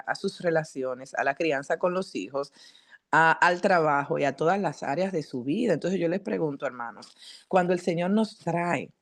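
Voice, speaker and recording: A deep-voiced woman psychologist gives a teaching talk at a church, speaking directly to the congregation and asking them questions with a lively, earnest, preaching delivery.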